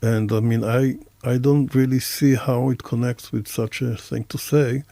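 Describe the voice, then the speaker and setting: A man with an Israeli accent, tied to both Israel and the United States, speaks as an interview host and professor in a casual, reflective conversation. His mellow, low-key, steady voice often crackles into fry as he hesitantly feels his way through roundabout, heavily hedged sentences at an unhurried pace. The recording is close and dry, with no echo.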